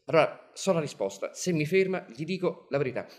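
A man telling a comic theatrical monologue in a deadpan way, filled with repeated "I say" lines. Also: a little high. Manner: rapid, repetitive "I say" storytelling, deadpan. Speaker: storyteller.

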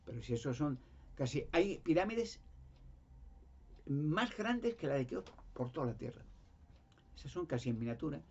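Husky man in a rambling emphatic monologue. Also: on the high side, sing-song, moderate pace, pauses often, darkish tone. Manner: emphatic, repetitive, restarts words. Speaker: conspiracy talk guest. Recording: dull lo-fi sound.

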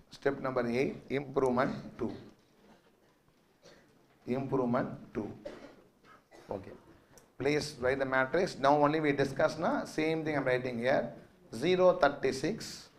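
Here the same kind of speaker, a middle-aged man with a South Indian accent, teaches maths in a mid-range voice, with a faint hiss or hum in the audio. He quizzes his students, throwing questions at them and repeating phrases for their notes.

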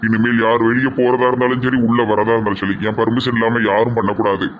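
Sketch comic, Tirunelveli man, stern and flat, dull lo-fi recording. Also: medium pitch, fast talker, a little hiss or hum. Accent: Tirunelveli Tamil. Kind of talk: comedy sketch acting. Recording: dull lo-fi sound.

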